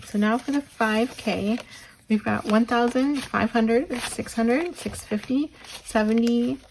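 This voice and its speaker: Slow-talking woman counting cash, gravelly. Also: fairly high pitch, a little hiss or hum, low-quality recording. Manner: counts bills aloud, thinking out loud. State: losing her voice. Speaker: budgeting channel host. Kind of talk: casual counting-along vlog.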